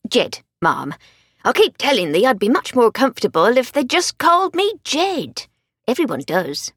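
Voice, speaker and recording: A woman reading as a plain-spoken old Yorkshire gardener with a broad accent and blunt, homely speech. She gives him a somewhat lower voice, still husky and breathy, in a dry, close recording. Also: big pitch swings, moderate pace, a bit bright, no echo, full character voice. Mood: modest. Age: older.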